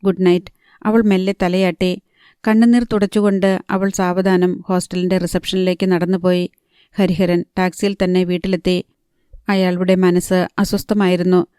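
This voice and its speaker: A woman narrating a novel with an even, measured reading on a close microphone. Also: on the low side, smooth, no room sound. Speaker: audiobook narrator.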